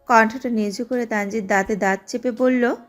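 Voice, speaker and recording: A woman giving steady, scripted narration of an audio drama. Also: on the high side, normal speed, faint music behind. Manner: steady storytelling.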